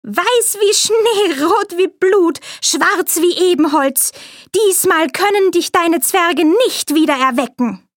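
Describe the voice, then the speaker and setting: A woman voicing a spiteful old peddler woman with a shrill, wheedling voice in a fairy tale. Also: lively intonation, slow, no room sound, clean studio sound, full character voice. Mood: gloating.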